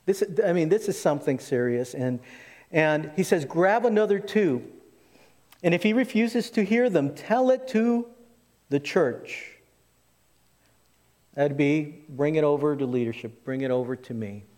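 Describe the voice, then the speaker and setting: Preacher at a pulpit microphone, echoing church. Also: male voice, on the high side, lively intonation, measured pace, a little mellow. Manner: conversational preaching, rising and falling for emphasis. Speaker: pastor. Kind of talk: sermon. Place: church sanctuary.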